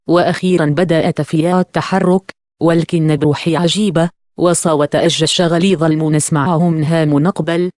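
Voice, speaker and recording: A woman voicing a grieving young man who recounts a tragedy in an even audiobook reading. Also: low voice, no room sound, studio quality, lightly acted.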